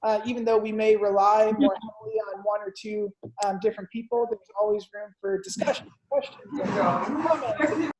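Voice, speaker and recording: A man hosting a monthly video call, talking casually in a relaxed, rambling way with lots of fillers. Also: high-pitched, moderate pace, roomy sound, slight background noise, rough recording. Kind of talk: casual welcoming introduction.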